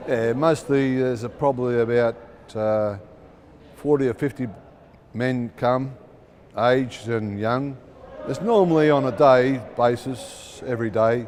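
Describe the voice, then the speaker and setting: A man's voice: medium pitch, a little slow, darkish tone, slight background noise. A man giving an informal, conversational explanation as a club representative.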